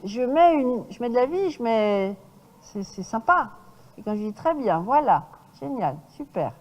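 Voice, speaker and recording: A woman horse trainer giving a lecture to an audience, lively and demonstrative, often checking in with her listeners. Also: on the high side, measured pace, big-room sound, muffled recording.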